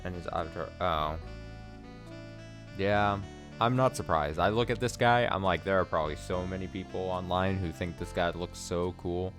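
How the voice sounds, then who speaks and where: A man's voice: deep voice, normal speed, music in the background. A man giving casual, sweary game commentary as a streamer, often mocking himself.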